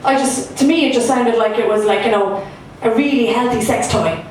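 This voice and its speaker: A young Irish comedian performs her first stand-up set in a club, speaking briskly in a voice on the high side, chatty and self-mocking with lots of fillers. The recording is distant and echoey, with heavy background noise.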